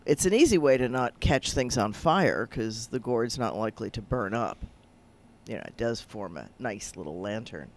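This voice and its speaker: A man's voice: medium pitch, lively intonation, moderate pace. A man, a rabbi, chatting casually on a radio talk show over a video link, rambling and hesitant with lots of fillers.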